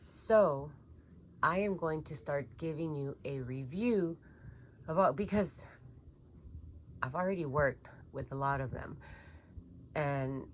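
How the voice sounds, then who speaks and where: A woman's voice: low voice, slow pace, long pauses, a little hiss or hum. A woman chatting casually in a home vlog, rambling and gushing over her yarn. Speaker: crochet vlogger.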